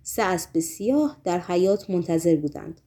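Reading an audiobook of a novel, a woman uses a low-leaning voice with a steady, measured narrative delivery. In descriptive sections her tone softens.

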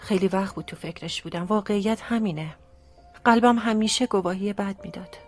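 A woman's voice: mid-range voice, faint music behind, close to an everyday voice. A woman playing a devout, heartbroken young woman. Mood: resolute. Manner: soft, earnest and resolute. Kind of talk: radio drama acting.

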